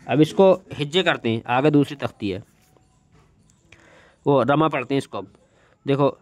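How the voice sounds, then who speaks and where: A man teaching Quran reading, spelling each word syllable by syllable in long drawn-out tones with quick spoken asides between, in an Indian Urdu accent. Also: mid-range voice. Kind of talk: slow spelling-out recitation lesson.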